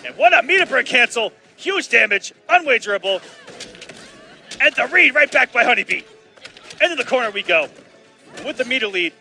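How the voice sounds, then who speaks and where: A man with a high-sitting voice calls live play-by-play for a fighting game as an esports commentator. He's excitable and bursts out loudly on big plays, and long hours of casting have left his voice slightly raspy.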